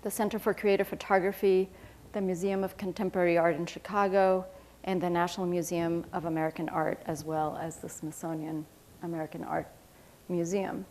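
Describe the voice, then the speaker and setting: A woman moderating an art panel, reading out artist introductions in a steady, formal way with the odd filler. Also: lowish voice, brisk.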